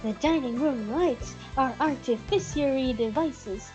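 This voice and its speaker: A woman voicing a young male defense lawyer in a babyish, drawn-out voice, over game music. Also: high-pitched, lo-fi sound. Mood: babyish, accusing.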